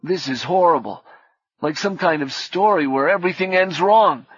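A man's voice: a little high, expressive, moderate pace, fairly bright tone, slightly rough, no echo, voice pushed up. Guy doing a worried miserable young guy, plaintive, dull dry recording. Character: anxious, miserable young man.

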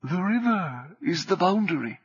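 A man reading the part of an urgent, grave male guardian figure in a gravelly, husky, formal voice. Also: high-pitched, sing-song, unhurried, no room sound, voice pushed up, exaggerated voice. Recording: dull dry studio recording.

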